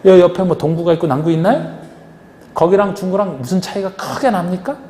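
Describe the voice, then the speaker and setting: The instructor, a man preparing students for the real estate agent exam, has a warm voice that sits high and moves a little fast. He lectures coaxingly and keeps asking his class questions, captured in an echoey hall with faint noise.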